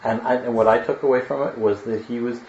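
A male podcast co-host on a video call who sounds like he is inside a tin can, talking casually in a halting way with many fillers and restarts. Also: medium pitch, fairly even intonation, noisy background. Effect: sounds like he is inside a tin can over a video call. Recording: boxy, echoey, dull video-call audio.

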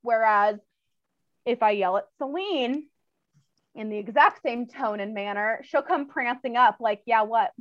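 A chatty woman who trains dogs, giving an interview in a relaxed, rambling way with lots of fillers and quick laughs. Her voice sits a little high, and the sound is close, dry and slightly muffled. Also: dry recording. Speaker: interview guest, dog trainer. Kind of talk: casual interview chat.

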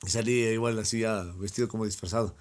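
A man's voice: fairly low pitch, level tone, fast talker. Man guesting in a loose chat; rambles, jokes at his own expense, laughs a lot. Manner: rambling, self-mocking, laughs often. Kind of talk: casual chat.

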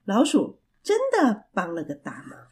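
A woman storyteller reading a children's story aloud in an expressive, animated way. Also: medium pitch, normal speed, husky.

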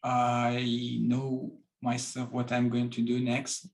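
Man, halting speech. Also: medium pitch, monotone. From Iran. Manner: halting, with restarts and non-native grammar. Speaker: guest. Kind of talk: casual interview talk.

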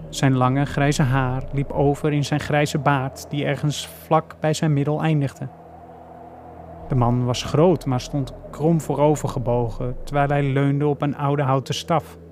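A man's voice: medium pitch, a little mellow, a little hiss or hum. Man narrating a creepy story. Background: faint music.

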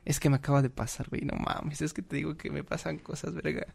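A man's voice: fairly high pitch, quick pace, creaky, husky. A young man with a Mexican accent telling a story in casual, slang-filled chat. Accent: Mexican Spanish. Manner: slangy, laughing, animated storyteller.

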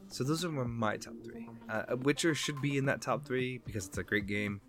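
A man's voice: mid-range voice, fairly quick, music in the background. A young man co-hosting a casual podcast, talking in a rambling way, restarting and repeating words as he thinks aloud. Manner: rambling, self-correcting, often repeats words. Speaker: podcast co-host. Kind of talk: casual chat.

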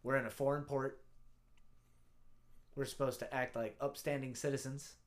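Man, navy veteran, casual storytelling, profane, animated. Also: mid-range voice, normal speed.

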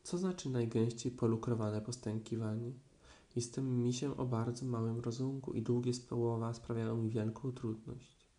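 A man's voice: mid-range voice, steady tone, moderate pace, mellow, lightly acted. A man voicing an earnest, bashful little bear of small brain in a storybook reading. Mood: puzzled. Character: simple, gentle, always-hungry small teddy bear.

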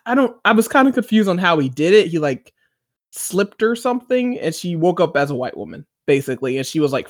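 A man's voice: a little high, no echo, studio quality. A man co-hosting a casual chat, recapping a TV episode in a rambling way, with lots of fillers and acted-out quotes. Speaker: podcast co-host.

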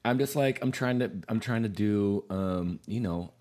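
A man co-hosting a casual podcast, talking in a relaxed, drawling way with a hoarse morning voice. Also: on the low side, normal speed. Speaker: podcast co-host. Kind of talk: casual chat.

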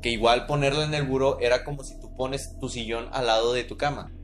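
A man speaks briskly with a medium pitch and fairly even intonation, his Mexican accent clear as he tells a creepy childhood story for a podcast. In this relaxed chat he keeps checking in with his listener, asking "¿no?" and "¿verdad?".

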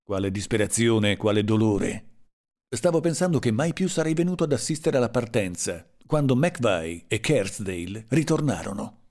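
A man reading a literary story aloud in a slow, dramatic and measured way. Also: lowish voice, expressive, darkish tone. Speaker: audiobook narrator. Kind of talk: scripted literary narration.

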